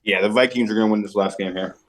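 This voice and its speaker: Midwestern guy on a sports podcast, folksy and laid-back, mid pitch. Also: fairly even intonation, rapid-fire. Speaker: podcast co-host. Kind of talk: casual sports podcast chat.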